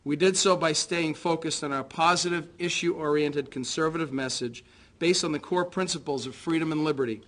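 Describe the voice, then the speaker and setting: An American man who is a political candidate delivers a prepared concession speech in a formal, measured, earnest way. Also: on the high side, fairly bright tone.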